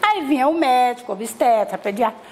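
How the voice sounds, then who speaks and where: A middle-aged woman from Salvador, Bahia, Brazil, a mother, speaks fairly quickly in a slightly high voice with lively intonation. In this interview she chats about her life, frequently restarting and using tag questions.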